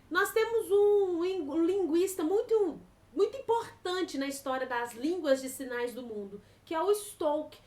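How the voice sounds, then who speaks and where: A woman teacher with a Brazilian Portuguese accent, giving an informal lecture in a lively way and talking straight to her students. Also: extremely high pitch. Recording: echoey room.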